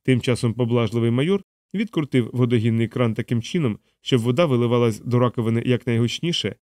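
A man narrating an audiobook with a steady, dramatic reading. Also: mid-range voice, fast talker, no room sound, clean studio sound.

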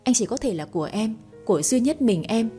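A woman's voice: on the high side, animated, fairly quick, mellow, faint music behind, close to an everyday voice. A woman reading as a hysterical, clingy young woman. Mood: desperate.

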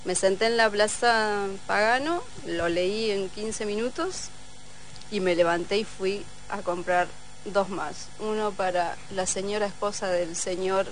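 A woman's voice: medium pitch, measured pace, slight background noise, low-quality recording. A woman with an Argentine accent, a guest on a radio show, telling her story in a hesitant way with self-corrections. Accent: Argentine Spanish. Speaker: studio guest. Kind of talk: casual radio chat.

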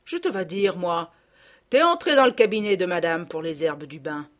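A woman's voice: medium pitch, moderate pace, close to an everyday voice. A woman voicing a middle-aged peasant gardener woman who scolds and gossips in blunt rustic speech, read as an audiobook character. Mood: indignant.

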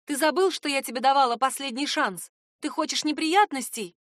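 A woman's voice: high-pitched, a little fast, a bit bright, no room sound, clean studio sound, voice pushed up. A woman voicing a frightened but defiant young woman, tense and pleading. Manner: tense, pleading then insistent. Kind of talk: audiobook character voice.

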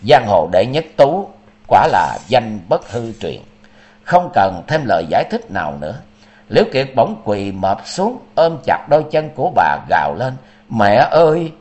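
A male storyteller with a lively, swinging pitch and a mid-range voice, reading dramatically. He narrates at an even, measured pace. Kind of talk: audiobook narration of a martial-arts novel.

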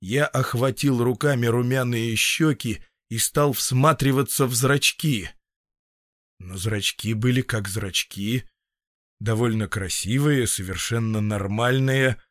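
A man reads a literary story in a measured, expressive voice at a middle pitch. The recording is dry and close, with no room sound. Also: no room sound. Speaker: narrator. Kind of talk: audiobook reading.

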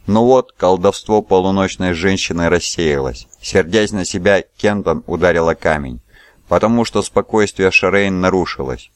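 Deep-voiced man reading a novel. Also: clear, resonant tone, dry recording, studio quality. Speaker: audiobook narrator. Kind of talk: scripted narration.

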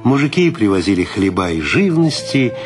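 A male narrator reads a literary text in a calm, measured way. His low voice rises and falls expressively, and music plays clearly underneath him.

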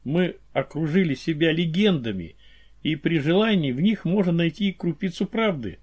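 A man reading the part of a weary male informant who explains things in a measured way, in an audiobook. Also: fairly high pitch, lively intonation, darkish tone, slightly rough. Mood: explaining.

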